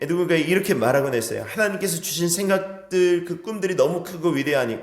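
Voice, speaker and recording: A man's voice: a little high, echoey room. A man preaching a sermon as pastor, earnest, asking the congregation rhetorical questions and acting out quoted speech. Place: church sanctuary.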